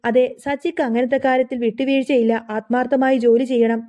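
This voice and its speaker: A woman voicing a kindly older father who speaks in a benevolent, measured way. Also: high-pitched, little pitch movement, warm tone, natural voice. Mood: blessing.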